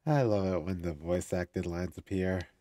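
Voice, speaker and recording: Brief: low, slow male streamer, sore throat, slurred, mellow tone, dry close mic. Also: dry recording. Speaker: gaming streamer. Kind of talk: reading a game story aloud.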